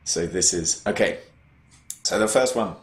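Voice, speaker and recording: A man's voice: low voice, unhurried. A man co-hosting a casual podcast chat, rambling and hesitant, often restarting his sentences. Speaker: podcast co-host. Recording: roomy echo.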